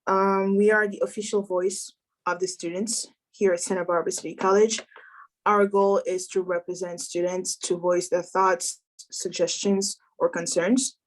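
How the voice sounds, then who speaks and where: A woman's voice: on the low side, moderate pace. A young woman from the Democratic Republic of Congo, a student government president, giving an earnest welcome speech and introducing a panel. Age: young adult. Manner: earnest, welcoming, steady delivery with some fillers.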